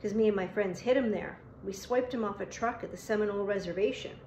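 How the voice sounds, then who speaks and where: A woman reading an audiobook, voicing a frightened but scheming young teenage boy who talks in a squeaky, pleading way. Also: fast, a little mellow, a little hiss or hum, lightly acted. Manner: squeaky, pleading, playing timid. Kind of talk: audiobook character voice. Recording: roomy echo.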